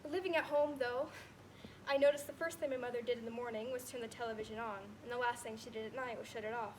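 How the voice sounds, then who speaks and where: A woman's voice: a little high, fairly even intonation, fast talker, close to an everyday voice, low-quality recording. A young woman on stage playing a divorced grown son who tells stories about his mother and mimics her lines. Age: late teens. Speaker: student actor. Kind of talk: stage monologue. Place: school theater stage. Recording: hissy stage recording.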